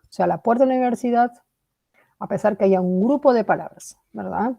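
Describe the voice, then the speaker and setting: Mellow-voiced woman teaching a class. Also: medium pitch, brisk, creaky, highs cut off. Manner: explains step by step, keeps asking "¿verdad?"; praises students by name. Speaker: language teacher. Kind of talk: online class lecture.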